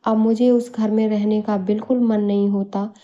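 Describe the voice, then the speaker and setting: A woman's voice: mid-range voice, little pitch movement, moderate pace, dark tone, muffled recording, close to an everyday voice. A woman voicing an unhappy young married daughter who speaks hesitantly, for a storybook. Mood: troubled. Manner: hesitant, denying then pouring out.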